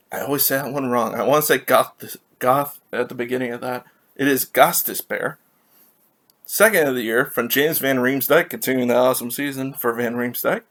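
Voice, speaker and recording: Reading hockey scores and stats in a laid-back solo recap, this California man wanders off track and keeps correcting himself. His medium-pitched voice has a fairly bright tone, slightly raspy from allergies.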